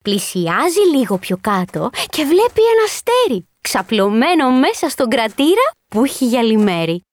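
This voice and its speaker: A woman narrating a rhyming children's story in an expressive, sing-song way. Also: a little high.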